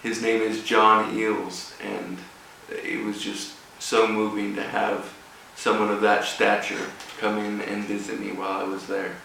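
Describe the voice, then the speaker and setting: Echoey, slow, creaky-voiced man giving a speech. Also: on the low side, level tone, pushed and bright. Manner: halting delivery in short broken phrases. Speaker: guest speaker at a rugby club event. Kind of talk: informal motivational speech with personal story. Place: echoey room, speaking before an audience. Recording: echoey room, distant mic, faint noise.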